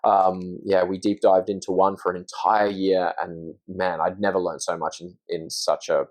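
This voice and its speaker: An Australian actor in his thirties speaks earnestly and reflectively as a guest in a casual podcast interview. His low-pitched voice is a little mellow and level in tone, at a normal pace, on a low-quality recording.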